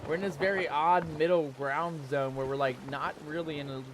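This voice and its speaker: High-voiced man doing playful game commentary. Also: steady tone, normal speed, crowd noise, rough recording. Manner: playful, theatrical, addresses viewers in pirate slang. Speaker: gaming video host. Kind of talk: excited gameplay commentary. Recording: loud game music behind the voice. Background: loud game music.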